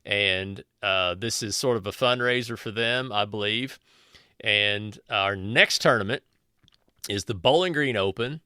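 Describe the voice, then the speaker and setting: A man hosts a casual podcast in a folksy, joking way, with a sore throat. His voice is bright and crisp. It is recorded close and dry, with no room sound. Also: on the low side, a little slow, dry recording. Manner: joking, folksy, loose with restarts. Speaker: podcast host.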